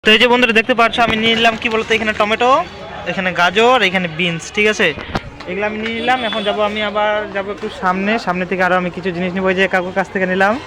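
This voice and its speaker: Young man, Bengali accent, casual daily vlog, high voice, rapid chatty delivery, phone-recorded outdoor market with traffic noise. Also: steady tone, rough recording. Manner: chatty, addresses viewers as friends, keeps asking "okay?". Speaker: vlogger. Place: outdoor market and street at night. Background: street and vehicle noise.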